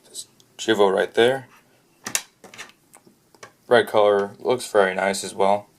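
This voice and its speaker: Low-voiced man reviewing gadgets, halting. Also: steady tone, slight background noise. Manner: halting, frequent restarts and self-corrections. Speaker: product reviewer. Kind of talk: unscripted product review voice-over.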